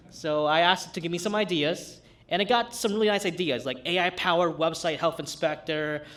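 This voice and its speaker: A man's voice: on the high side, moderate pace, fairly bright tone. A man from New York City with a Brooklyn accent, presenting a demo in a casual, conversational way. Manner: informal, conversational. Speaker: hack night demo presenter, non-developer. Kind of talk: casual live demo talk.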